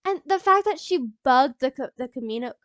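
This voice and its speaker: A young woman YouTuber with a high voice and a nose stuffed up from a cold chats excitedly to camera in a casual movie reaction vlog. Talking fairly quickly, she rambles, restarts and laughs between thoughts. The lo-fi sound is close and dry, with no echo or room around it.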